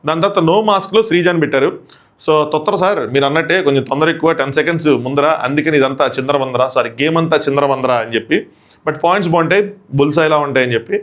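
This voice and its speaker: A man chatting casually through a review of a reality show episode, animated and acting out contestants' lines. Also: a little high, quick pace. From India.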